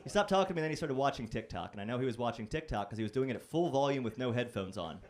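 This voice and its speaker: Guy doing standup at a comedy club, mid-pitched voice, chatty and self-deprecating, dry little jabs. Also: lively intonation, racing. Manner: conversational, self-deprecating storytelling with a wry edge.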